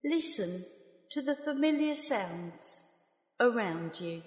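A woman slowly leading a guided meditation in a calm, soft, unhurried voice with long pauses. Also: fairly high pitch. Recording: roomy long reverb.

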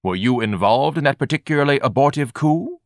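Man voicing a grandiloquent, disdainful vendor; raised, loud, lively delivery, dry close read. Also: medium pitch, a little fast, no echo, close to an everyday voice. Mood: pompous. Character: pompous fat male hot-dog vendor, haughty and fussy.

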